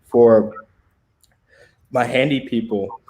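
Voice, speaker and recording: A man's voice: mid-range voice, fairly even intonation, slow pace, warm tone, a little hiss or hum. An American man hosting a casual livestream chat, laid-back and laughing often, talking in loose slang. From United States. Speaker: livestream host.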